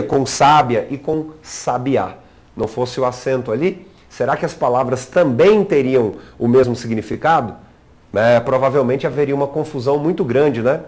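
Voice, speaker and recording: Here is a male teacher, explaining grammar rules in a video lesson at a middle pitch. He teaches patiently, keeps asking rhetorical questions and checks in with the listener. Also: darkish tone. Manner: didactic, asks rhetorical questions and leans on "né".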